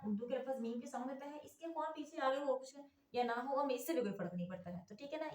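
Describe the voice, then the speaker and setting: A woman's voice: high voice, darkish tone, slight background noise. Echoey woman teaching phonics. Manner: repeats "theek hai na" as a check-in, spells words letter by letter. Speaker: English teacher. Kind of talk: phonics lesson explaining letter sounds.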